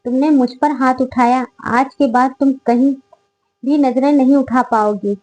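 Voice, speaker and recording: A woman's voice: high-pitched, fairly even intonation, measured pace, darkish tone, low-quality recording. A woman voicing an angry, threatening young male college student in a read-aloud story. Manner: pleading then threatening.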